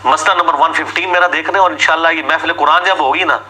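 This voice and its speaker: A man's voice: a little high, steady tone, bright, forceful tone, low-quality recording. A man giving an argumentative religious talk, asking sarcastic rhetorical questions and mimicking his opponents. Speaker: religious lecturer.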